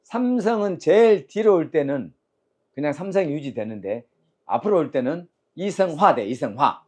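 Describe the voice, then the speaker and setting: A man's voice: fairly high pitch, animated, normal speed. A man teaching Chinese characters and tones, quizzing his students and drilling sounds aloud in a call-and-response lecture.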